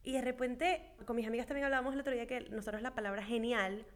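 A woman with a Venezuelan accent, speaking in a high, bright register. She chats casually and tells stories with lots of energy, often laughing and acting out what other people said. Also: fast talker. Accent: Venezuelan Spanish. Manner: animated storyteller, laughs often, acts out quotes. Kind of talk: casual chat.

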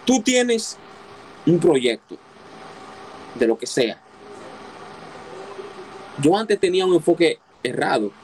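A man's voice: a little high, big pitch swings, takes it slowly, pauses often, darkish tone, slight background noise, rough recording. A man preaching a sermon, emphatic, repeating key phrases and asking his listeners rhetorical questions.

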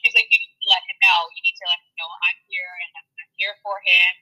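A woman's voice: medium pitch, very animated, quick pace, pushed and bright, husky. A woman guest telling a personal story in casual chat, rambling with many fillers and acted-out quotes. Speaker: podcast guest, spiritual healer. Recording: tinny phone line.

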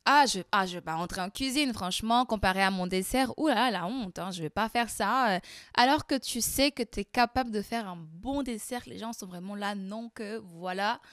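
A woman's voice: mid-range voice, moderate pace, fairly bright tone, no room sound, studio quality. Woman with a Portuguese accent giving advice. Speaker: content creator. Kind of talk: casual advice monologue to viewers.

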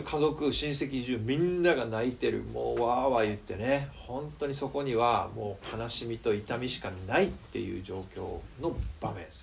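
Animated male pastor preaching. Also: mid-range voice, vocal fry, slight background noise. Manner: animated, conversational preaching with questions to the audience. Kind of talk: sermon.

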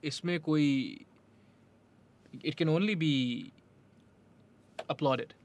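A man's voice: on the high side, a little slow. A man in casual conversation as an interviewer, reassuring and affirming the person he talks with.

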